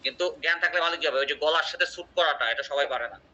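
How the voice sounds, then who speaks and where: A man's voice: on the high side, racing, pushed and bright. A man teaching an English class, explaining with examples and quizzing his students. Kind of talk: online class lecture. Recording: muffled lo-fi audio.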